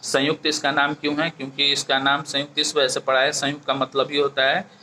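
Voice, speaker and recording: A man's voice: mid-range voice, completely flat delivery, a little fast, pushed and bright, slight background noise. A man teaching a grammar lesson for exam prep, explaining step by step and often checking with the class. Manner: explains step by step, keeps asking "ठीक है?".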